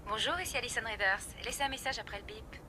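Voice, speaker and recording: A woman's recorded answering machine greeting, spoken in a brisk, flat way. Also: fairly high pitch. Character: woman heard on her own answering machine. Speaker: friend leaving her outgoing phone message. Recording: noisy, distant answering machine playback.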